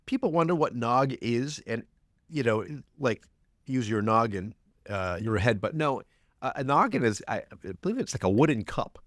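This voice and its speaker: A man's voice: mid-range voice, sing-song, moderate pace, fairly bright tone, no echo, studio quality. A man co-hosting a podcast, chatting in a rambling way during a drink tasting. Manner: rambling, restarts often. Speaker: podcast co-host. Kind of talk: casual chat, taste-testing drinks.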